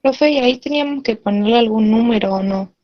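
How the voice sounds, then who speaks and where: A woman student asks her teacher a hesitant question to clear up a point in an online class. Her voice sits a little high. It comes through a dull, lo-fi call line. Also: fast. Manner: hesitant, asking for clarification.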